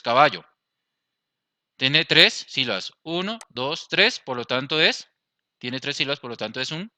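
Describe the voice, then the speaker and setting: Bright-voiced Colombian male teacher. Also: mid-range voice, no echo. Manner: explains step by step, asks the class "¿listo?". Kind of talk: grammar lesson over slides.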